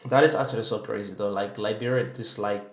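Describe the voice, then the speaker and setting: A man's voice: lowish voice, fairly even intonation, fast, roomy sound, loud music behind the voice. A young man from Sierra Leone chatting casually as a YouTube reactor, rambling and leaning on "like" and "you know".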